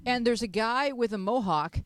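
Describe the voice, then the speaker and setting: A woman's voice: fairly high pitch, normal speed, slight background noise. A middle-aged woman hosting a casual talk show, playful and jokey, speaking into a handheld mic in a small home studio. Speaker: host. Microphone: handheld mic, headphones on.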